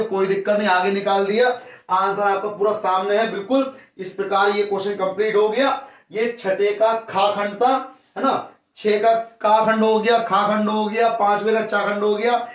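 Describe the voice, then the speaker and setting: Male maths tutor, western Uttar Pradesh Hindi accent, high pitch, casual step-by-step explaining, recorded in an echoey room away from the mic. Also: distant mic. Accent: Hindi as spoken in western Uttar Pradesh. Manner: talks through steps, addresses viewers as brother. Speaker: maths teacher. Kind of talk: worked-solution lesson. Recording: roomy echo, off the mic.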